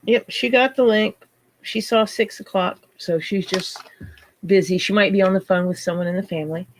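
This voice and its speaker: A woman hosts a casual livestream chat, her voice scratchy from illness, greeting viewers by name in the middle of her stories. She speaks in a mid-range voice at normal speed with a steady tone.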